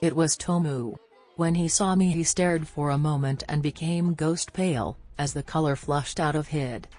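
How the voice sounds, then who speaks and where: A woman narrating a fan fiction story aloud in the first person, in a steady storytelling manner. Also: deep voice, moderate pace. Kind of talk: fan fiction audio reading. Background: faint music.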